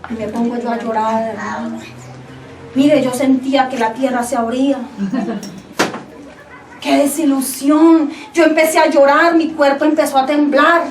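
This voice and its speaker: A woman pastor giving a lively sermon testimony, telling her story to the congregation and calling them brother. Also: high voice, normal speed. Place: church hall. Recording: echoey hall, distant mic, background noise.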